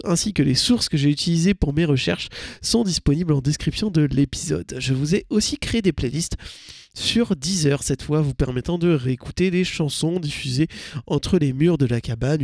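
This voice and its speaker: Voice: mid-range voice, darkish tone, dry recording, clean studio sound. A radio host wrapping up a show in a chatty, self-mocking way, with playful asides. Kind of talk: casual radio show outro.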